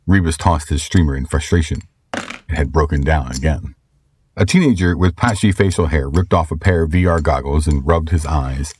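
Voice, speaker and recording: A man narrates a scripted story in a very deep, husky voice. His delivery is measured and steady, as if reading an audiobook. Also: no echo.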